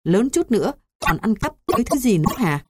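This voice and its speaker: A woman's voice: fairly high pitch, sing-song, a little fast, voice pushed up. A woman voicing an angry adult neighbor who harshly scolds a child caught stealing, in a noisy recording. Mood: scolding.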